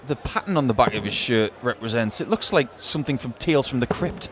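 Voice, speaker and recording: A man's voice: mid-range voice, lively intonation, fast talker, fairly bright tone. A man giving analytical, chatty live commentary as a darts co-commentator. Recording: crowd noise behind commentary. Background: darts crowd.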